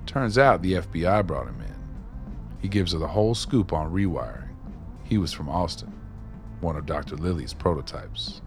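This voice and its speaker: The man's voice is low-pitched and a little mellow, animated yet at a moderate pace, with faint music behind it. He acts in a radio play as a streetwise former maintenance man, wry and reminiscing, telling stories in a colloquial, folksy way.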